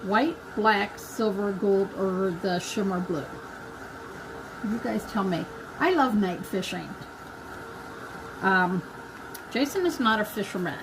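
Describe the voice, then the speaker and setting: A woman's voice: mid-range voice, takes it slowly, pauses often, noisy background. A middle-aged woman hosting a live craft stream, chatting casually with viewers and talking to herself as she paints. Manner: chatty, talks to herself and to viewers, laughs at her own slips.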